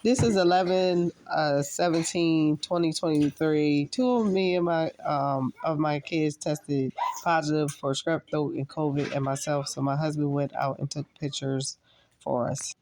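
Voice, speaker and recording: A woman's voice: deep voice, a little slow, a little mellow, slight background noise. A woman with a congested voice, talking casually to camera in a rambling, exasperated family vlog, outdoors. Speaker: family vlogger.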